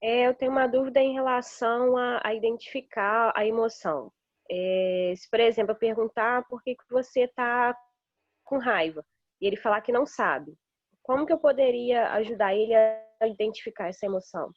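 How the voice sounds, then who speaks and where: A woman's voice: on the high side, normal speed, no echo. A woman, a workshop participant, hesitantly asking the instructor a question. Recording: dull lo-fi sound.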